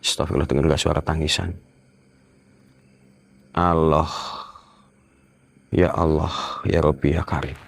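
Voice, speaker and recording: A man filming a night ghost-hunt vlog outdoors, talking to his viewers in a hushed, tense voice and often murmuring prayers. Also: rumbling low, fairly even intonation, a little slow, gravelly, pauses often. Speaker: ghost-hunting vlogger.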